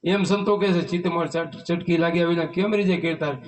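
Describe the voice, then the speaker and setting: A man preaches a devotional sermon in a notably high voice, keeping his listeners engaged with rhetorical questions and chanted hymn lines. He sits some way from the mic, so he sounds distant. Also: steady tone, fast talker. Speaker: spiritual teacher leading a satsang. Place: devotee's home in a village. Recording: voice from far off the mic.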